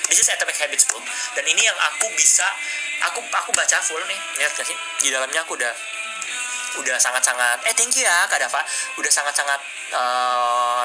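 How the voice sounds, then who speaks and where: A man hosting a casual live stream, coaching viewers on public speaking and mixing English phrases into his talk. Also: a little high. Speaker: livestream host. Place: indoors at a desk with a laptop.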